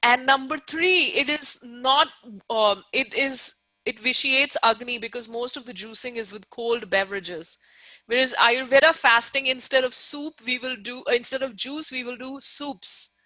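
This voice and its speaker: A woman's voice: sits high, a little slow, bright, forceful tone, no room sound, rough recording. A woman teacher giving an informal live online lecture, explaining emphatically, repeating key points and often checking that listeners follow.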